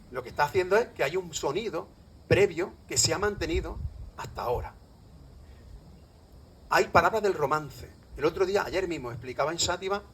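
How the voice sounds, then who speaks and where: A man's voice: fairly high pitch, fairly bright tone, slight background noise, rough recording. A middle-aged man from Andalusia with an Andalusian Spanish accent gives a live public talk as a lecturer, often quizzing his audience. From Andalusia, Spain.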